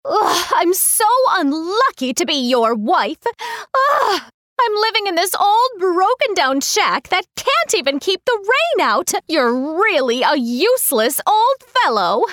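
A woman's voice: extremely high pitch, sing-song, slow, fairly bright tone, no echo, studio quality, exaggerated voice. A woman voicing a greedy, bossy old fisherman's wife who scolds and whines at her husband in a children's audio story. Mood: scolding. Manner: scolding, whiny.

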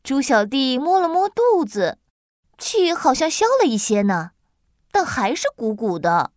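A woman narrating a children's story in an expressive, lilting way. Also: high voice, a little slow, no room sound, studio quality.

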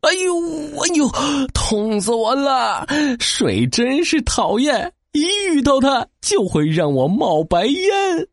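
A giant garbage monster king from a children's storybook, declaiming like a pompous villain. The pitch leaps wildly above the narrator's register, and the delivery is drawn out and bombastic, recorded very dry. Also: wildly swooping pitch, slow pace, no room sound, heavily acted. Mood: pained, whining. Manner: theatrical villain monologue with gloating laughs and wails. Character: giant smelly garbage demon king, bombastic, gloating, easily hurt. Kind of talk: children's audio storybook character.

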